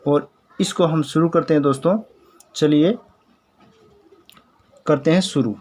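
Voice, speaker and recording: A man teaching English pronunciation in Hindi, patiently spelling out words and repeating them slowly while speaking to viewers as friends. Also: a little high, darkish tone. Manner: addresses viewers as friends, explanatory.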